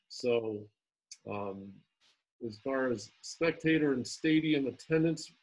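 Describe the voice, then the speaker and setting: A man speaking as a school administrator at a town hall over a video call, halting with frequent ums and restarts. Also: mid-range voice, a little mellow, husky.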